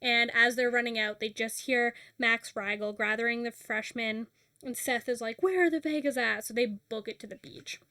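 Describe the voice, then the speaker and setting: A woman with a high voice chats through a book recap, jumping in and out of the characters' lines with loose fillers. She sounds close to the mic in a dry, dead room. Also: moderate pace, no echo. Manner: animated retelling, acting out characters' lines with filler words. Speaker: podcast co-host recapping a book. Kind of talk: casual recap chat.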